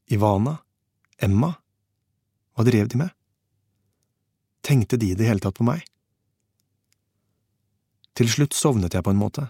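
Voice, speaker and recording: A man narrating a first-person audiobook in a steady, measured reading. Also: fairly low pitch, slightly rough, no echo, studio quality.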